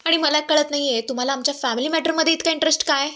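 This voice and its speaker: A woman's voice: high-pitched, fairly even intonation, racing, fairly bright tone, pitched above the performer's own voice. A woman voicing a distressed, protective middle-aged mother-in-law facing reporters. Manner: pleading, then firm.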